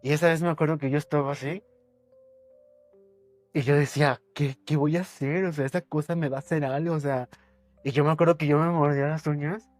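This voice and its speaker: Man, podcast guest, suspenseful ghost-story teller who repeats and hushes. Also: fairly even intonation, brisk, soft background music. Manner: suspenseful storytelling, repeats words for effect, drops his voice low. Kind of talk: telling a personal ghost story.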